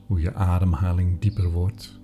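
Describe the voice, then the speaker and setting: A man guiding a meditation, speaking softly and soothingly, sometimes dropping into a whisper. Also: low-pitched, little pitch movement. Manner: slow, soft-spoken, soothing, with whispered phrases. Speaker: meditation guide. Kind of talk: guided meditation. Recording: soft music behind.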